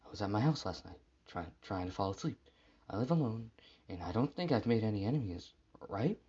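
A man's voice: on the low side, lively intonation, fairly quick, husky, muffled recording. A man doing a desperate, lost man. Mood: uneasy. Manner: talks to himself, breaks into shouting.

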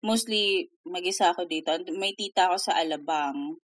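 A woman's voice: lowish voice, normal speed, no echo. A young woman from Leyte hosting a podcast, chatting casually and switching between Tagalog and English with lots of fillers. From Leyte, Philippines. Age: young adult. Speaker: podcast host. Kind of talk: casual chat.

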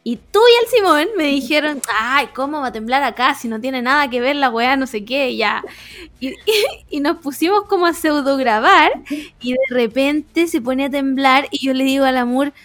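A woman's voice: sits high, normal speed, a bit bright. A young woman with a Chilean accent, co-hosting a casual chat and telling a story with lots of slang and laughter. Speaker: podcast co-host. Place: home room.

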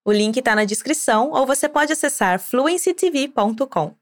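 A woman hosting a scripted language lesson, explaining clearly and encouraging the listener to repeat after her. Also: high voice, animated, normal speed. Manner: clear, encouraging, drilling repetition. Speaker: language teacher host.

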